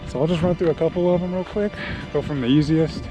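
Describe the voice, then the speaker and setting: A man's voice: fairly high pitch, steady tone, fast talker, over music. A man vlogging outdoors on a mountain bike trail, talking casually with lots of ums and you-knows into an action camera he wears. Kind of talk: casual trailside vlog talk. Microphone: action camera worn while riding.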